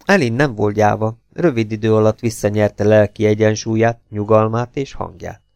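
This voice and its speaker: A man narrating a pulp novel as an audiobook, reading in a lively, expressive way. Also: on the low side, smooth, no echo, clean studio sound.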